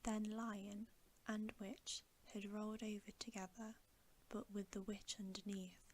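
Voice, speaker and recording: Slight background noise accompanies a woman's soft, breathy whispered reading of a bedtime ASMR story, measured and hushed. Her mid-range voice stays fairly flat in pitch.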